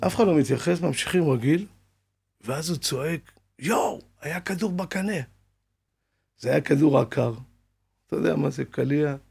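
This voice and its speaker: An Israeli man, a guest in an interview, tells his life story dramatically, acting out the voices of the people in it. His fairly high voice has vocal fry and a darkish, slightly rough tone.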